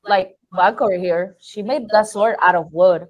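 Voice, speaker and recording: Woman, mid-pitched, informal panelist who talks through her craft in loose, rambling explanations. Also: moderate pace. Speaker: prop maker, panelist. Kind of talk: casual chat.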